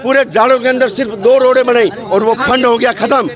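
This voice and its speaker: A man's voice: extremely high pitch, fairly even intonation, fairly quick. A man, a local party supporter, arguing his point insistently in a street interview. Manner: insistent, argumentative. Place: outdoors in a town street. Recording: crowd chatter outdoors.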